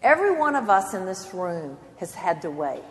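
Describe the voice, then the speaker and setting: A woman's voice: lowish voice, big pitch swings, moderate pace. Older woman giving an earnest devotional talk. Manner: earnest, emphatic, swells and drops in loudness. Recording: long hall reverb.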